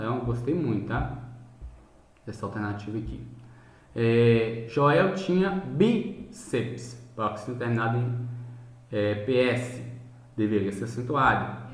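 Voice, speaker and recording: A man's voice: mid-range voice, fairly bright tone, reverberant, slight background noise. A man teaching in a recorded video lesson, working through exercises step by step and often checking in with his viewers. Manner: explanatory, repeats "tá?" and "gente" to check in.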